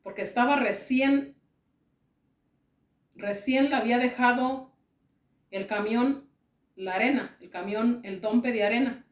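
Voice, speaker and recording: A woman addressing a church as she recounts a religious vision, slowly and repetitively, pausing phrase by phrase. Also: fairly high pitch, reverberant.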